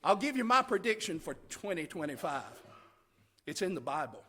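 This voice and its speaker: High-pitched, animated male preacher. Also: normal speed. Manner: emphatic, dramatic delivery swinging from hushed phrases to loud cries; rhetorical, repeats short phrases for emphasis. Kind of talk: camp meeting sermon.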